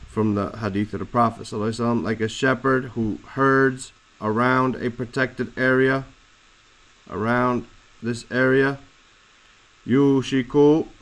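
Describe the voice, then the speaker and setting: A man teaching a lesson, explaining Arabic words slowly and deliberately, spelling out letters and roots. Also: medium pitch, fairly bright tone, low-quality recording. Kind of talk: classroom explanation of Arabic text.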